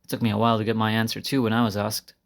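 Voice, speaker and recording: Playing a bashful, earnest senior in high school, a man murmurs hesitantly to the object of his affection in a level, gravelly voice that races along. His intimate roleplay monologue to a listener feels sincere and wistful, broken up by sighs and little laughs. The audio is amateur, made without a proper mic.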